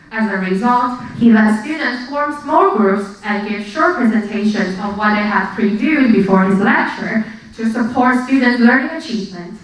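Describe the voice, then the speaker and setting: A woman's voice: medium pitch, a bit bright. A woman from Taiwan giving a scripted English student presentation, reading carefully from her script. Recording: echoey hall from far off.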